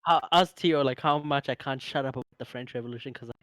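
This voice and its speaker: A man's voice: medium pitch, quick pace, a bit bright. A man who streams, chatting casually with slang and swearing. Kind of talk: casual chat.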